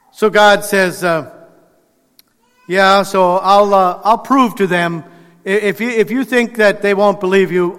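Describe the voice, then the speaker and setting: A man with a high voice preaches in a loose, conversational way, acting out the quotes and restarting his phrases as he goes. His voice rings out with a long reverb, like a big church hall. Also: a bit bright. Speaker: pastor. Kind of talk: sermon.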